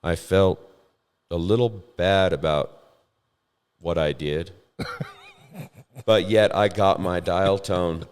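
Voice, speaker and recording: A man telling stories with dry, deadpan humor in a casual podcast chat. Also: sits low, takes it slowly, long pauses, clear, resonant tone, in a large hall. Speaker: podcast host.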